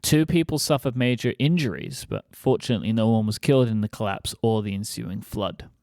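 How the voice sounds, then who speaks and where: A man's voice: on the low side, a little fast, vocal fry, darkish tone, dry recording. A man co-hosting a casual podcast, reading facts and adding dry, teasing asides. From England. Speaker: podcast co-host.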